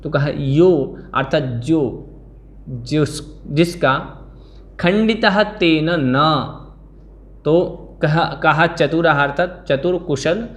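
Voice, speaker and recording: A man teaching an online class, reciting verse lines slowly syllable by syllable and then explaining them. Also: fairly high pitch, fairly even intonation. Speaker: Sanskrit scripture teacher.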